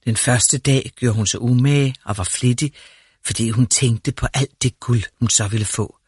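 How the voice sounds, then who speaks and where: A man narrating a fairy tale in a calm, measured storytelling manner. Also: medium pitch, husky, no room sound, clean studio sound.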